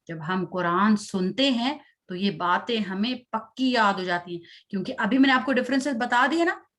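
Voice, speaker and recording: A woman leads a children's tajweed class, her voice sitting a little high for a woman. She draws each Arabic syllable out slowly for pupils to echo. Between recitations she asks short questions and offers patient encouragement. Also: fairly bright tone. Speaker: Quran recitation teacher.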